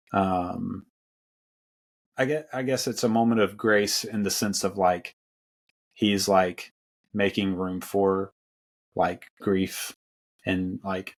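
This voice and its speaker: A man hosting a podcast, talking casually about films with many fillers and restarts. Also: low-pitched. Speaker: podcast host. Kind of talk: casual film discussion.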